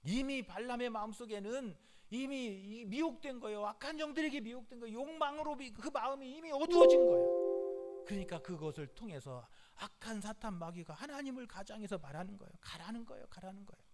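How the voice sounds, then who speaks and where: A man's voice: sits high, lively intonation, a little fast, darkish tone, soft background music. A male pastor preaching a midweek sermon in an emphatic, repetitive way, calling out hallelujah often.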